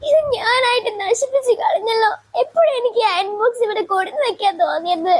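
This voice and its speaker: A woman doing a sobbing, squeaky young wife. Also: fairly quick. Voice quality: very high, sobbing whine. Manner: wails and mixes English into her lines. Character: weepy, dramatic young woman, a daughter-in-law. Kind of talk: cartoon voice acting.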